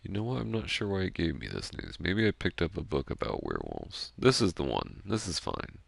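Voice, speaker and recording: Keeping quiet late at night, a man streams a game with casual, rambling commentary that pokes fun at himself. His voice sits low yet swings hugely in pitch, a little fast, creaky, and slightly rough, with no echo.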